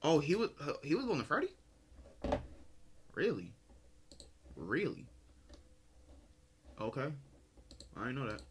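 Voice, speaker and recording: A man's voice: fairly high pitch, very animated, quick pace, a little hiss or hum. A man casually reacting to a video, rambling, correcting himself and talking to his viewers in slang.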